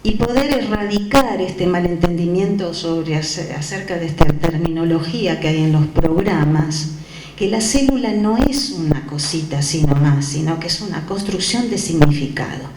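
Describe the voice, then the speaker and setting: A woman's voice: on the low side, lively intonation, normal speed. Woman teaching in an echoey classroom. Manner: explanatory, frequent questioning tags. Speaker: music teacher. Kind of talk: classroom lecture. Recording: echoey room with background noise.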